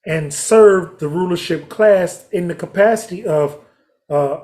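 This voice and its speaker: A man's voice: sits high, unhurried, darkish tone. A man leading a casual Bible study discussion, reflective and interjecting with hallelujah.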